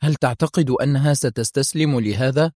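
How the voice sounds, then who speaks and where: A man's voice: mid-range voice, brisk, warm tone, dry recording, clean studio sound, close to an everyday voice. A man voicing a curious young adult woman agent who asks questions in a lightly raised voice.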